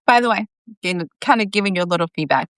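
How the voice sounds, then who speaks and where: A woman's voice: fairly low pitch, rapid-fire, no echo. A woman author reading her story aloud on a live video, breaking off for chatty, candid asides.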